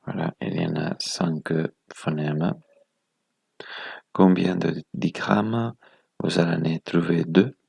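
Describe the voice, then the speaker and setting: Low-pitched male teacher, unhurried and methodical, heavy vocal fry, self-correcting. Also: steady tone, a little mellow, dry recording. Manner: methodical, counting items aloud, corrects himself. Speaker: presenter of a phonetics video lesson. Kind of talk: explaining a lesson step by step.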